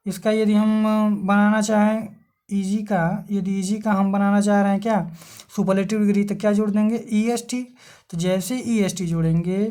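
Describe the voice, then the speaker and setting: A woman's voice: medium pitch, a little mellow. Woman, grammar teacher, online exam-prep lecture; asks rhetorical questions, answers them herself, spells words out.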